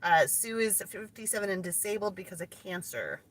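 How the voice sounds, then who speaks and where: A woman's voice: medium pitch, expressive, fairly quick. A woman co-hosting a live stream from a truck, reading out viewer comments and greeting viewers in an upbeat way. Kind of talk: casual live-stream chat. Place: inside a truck.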